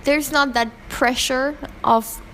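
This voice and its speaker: Her voice is high-pitched, a bit bright and steady, and she takes her time. She's from Pakistan, grew up in Hong Kong, and gives earnest, opinionated interview answers with plenty of fillers and restarts. The recording is rough, with a little hiss or hum.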